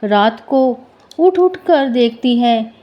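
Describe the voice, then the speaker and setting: A woman's voice: on the high side, animated, slow, lo-fi sound. A woman reciting a tender devotional poem and narrating a story as the host of a storytelling channel.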